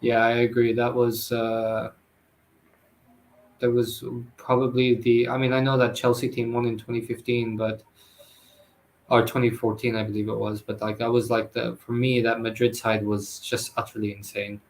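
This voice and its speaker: A man with a mid-pitched, everyday voice talks football with a co-host. He hesitates often and restarts his sentences, leaning on filler words as he thinks aloud. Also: level tone, moderate pace, low-quality recording. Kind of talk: casual football chat.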